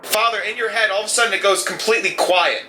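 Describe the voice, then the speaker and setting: A man with a high, very bright voice narrates a tabletop horror game as game master. He describes scenes haltingly, leaning on fillers, over faint music in the background. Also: poor audio.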